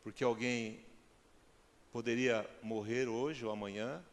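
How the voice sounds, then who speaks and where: Man, Brazilian accent, pastor preaching, mid pitch, long church reverb. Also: fairly even intonation, a little slow. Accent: Brazilian Portuguese. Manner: rhetorical questions to the congregation, builds to loud emphatic peaks. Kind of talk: sermon. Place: church hall.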